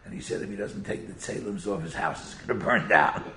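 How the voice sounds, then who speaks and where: A man with a Yiddish-inflected American accent gives an informal sermon as a rabbi, telling stories in an animated way and sprinkling in Hebrew and Yiddish words. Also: deep voice, brisk, roomy sound, slight background noise. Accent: Yiddish-inflected American English. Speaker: rabbi giving a Torah talk.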